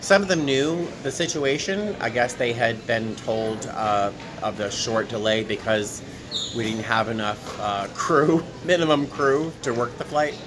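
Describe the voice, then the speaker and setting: A man's mid-range voice, a little slow, carries this casual to-camera vlog chat. He is a tired flight attendant vlogger in an airport terminal, talking into a handheld camera at arm's length with clear airport noise around him.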